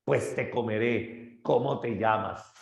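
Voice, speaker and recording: Polifemo, a man doing a slow brutish cyclops. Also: lowish voice, vocal fry, highs cut off. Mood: menacing. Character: huge man-eating male cyclops, brutish and mocking. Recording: echoey room.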